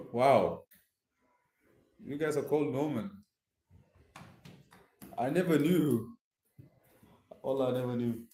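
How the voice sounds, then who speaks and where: Slow and dark-toned, with long pauses, a Nigerian man's medium-pitched voice carries through an echoey indoor room. He's live streaming, speaking to his viewers in casual, slangy language with a Nigerian accent.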